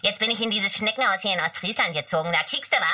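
A woman's voice: mid-range voice, animated, fast talker, pushed and bright, no echo, clean studio sound. A woman doing a brash crab doctor with a Berlin dialect. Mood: bossy. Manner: brash, chatty, commanding. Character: bossy male crab doctor. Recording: distant mic.

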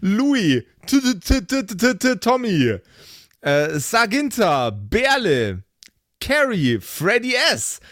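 Reading out names of supporters at the end of his improv tabletop RPG show, this podcast host keeps things playful and jokey while talking to the audience. His high, slightly bright voice comes through clean, with no room sound.

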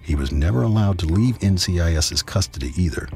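Male narrator, scripted true-crime documentary, deep bass register, lively intonation, music underneath. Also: fairly quick.

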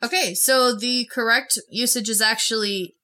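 A woman's voice: fairly high pitch, moderate pace, bright, forceful tone. A woman hosting a casual podcast quiz, playfully quizzing the others and explaining answers at length. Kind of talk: casual group chat.

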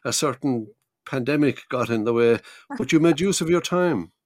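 An Irish man with a medium-pitched voice hosts a podcast. He speaks conversationally as he introduces and questions his guest. The sound is dry, with hardly any room on it. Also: moderate pace, a little mellow, no room sound. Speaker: podcast host. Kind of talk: conversational interviewing.

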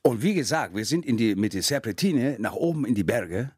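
A husky-voiced man tells a wild story in casual chat, his pitch leaping around as he acts out the scene. He slips Spanish words into his German. The sound is close and dry. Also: sing-song, brisk, darkish tone, no room sound.

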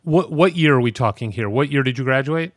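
Male podcast host; conversational, long-winded questioner; mid pitch, dry recording. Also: animated, brisk, dry recording. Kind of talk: casual podcast interview.

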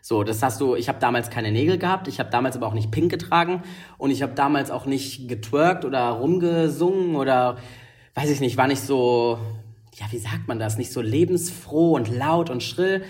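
A man's voice: medium pitch, normal speed. A young man talking openly and emphatically as a podcast guest, swearing now and then. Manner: emphatic, expressive, swears casually. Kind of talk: candid podcast conversation.

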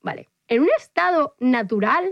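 Young woman, podcast co-host, bright upper voice, dry close sound, animated tale-teller who squeals out her own lines. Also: normal speed, gravelly, no echo, muffled recording. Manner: animated storyteller, acts out her own quotes in high squeals. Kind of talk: casual chat.

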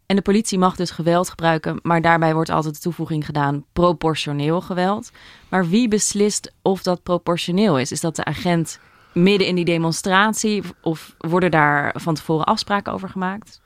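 A female host asking measured questions and summarizing what her guest says. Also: on the low side, no room sound. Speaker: podcast host. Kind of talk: interview questions.

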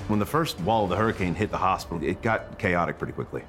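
A man's voice: low voice, animated, fast talker, a bit bright. A man telling a personal account in a documentary interview. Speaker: interviewee recalling a hospital stay. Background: faint music.

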